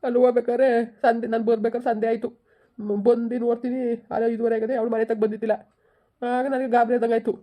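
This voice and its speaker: A woman's voice: a little high, level tone, fast, highs cut off, close to an everyday voice. A woman playing a grieving middle-aged village husband, crying and pleading in a village drama. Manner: pleading, sobbing speech.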